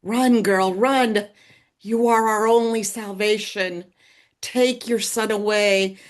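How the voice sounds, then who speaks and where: A woman voicing a frantic old grandmother who urgently pleads with her granddaughter to run, spoken slowly. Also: mid-range voice, fairly even intonation, close to an everyday voice. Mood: urgent pleading.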